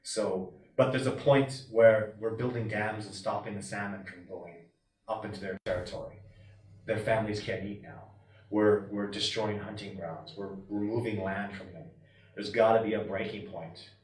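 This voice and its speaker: A man's voice: on the low side, fairly even intonation, normal speed. A man, a wilderness expert, speaking passionately and emphatically in an interview, often acting out what others might say. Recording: roomy and distant from the mic.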